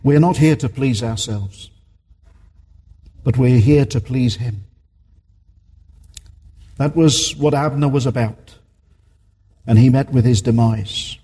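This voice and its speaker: Slow, husky-voiced preaching man. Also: mid-range voice, mellow, in a large hall. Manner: earnest, emphatic, repeats key points. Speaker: minister. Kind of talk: sermon. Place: church.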